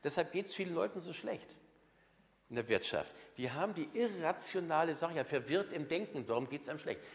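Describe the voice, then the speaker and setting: A man's voice: fairly high pitch, expressive, a little fast. Emphatic male seminar speaker in a hall. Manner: emphatic, repetitive, blunt and crude. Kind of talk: lively seminar talk to an audience. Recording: long hall reverb.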